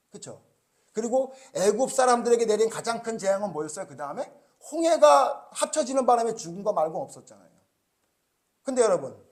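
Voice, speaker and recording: A middle-aged man preaching with a high voice. He keeps asking his listeners questions and then answers them himself. He slips into dialogue to play the biblical characters in his story. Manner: asks the congregation frequent rhetorical questions; acts out biblical characters' lines in quoted dialogue. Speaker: pastor. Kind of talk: sermon.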